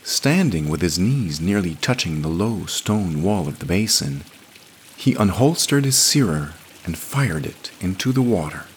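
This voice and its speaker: A man narrating a scripted fantasy story in a measured, expressive reading. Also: sits low, noisy background.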